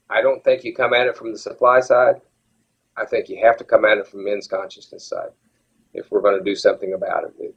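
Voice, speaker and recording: A man in his seventies, talking openly and reflectively as an interview guest, often restarting his sentences. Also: lowish voice. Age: 70s. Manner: earnest, reflective, frequent restarts. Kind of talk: candid interview talk. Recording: dull lo-fi audio.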